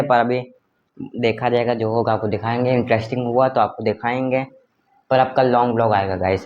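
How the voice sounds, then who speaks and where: A man's voice: mid-range voice, a little mellow, lo-fi sound. A young man vlogging at home on a phone, chatting casually with his viewers and teasing. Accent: Hindi. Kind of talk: casual vlog chat. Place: home, indoors. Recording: faint background noise.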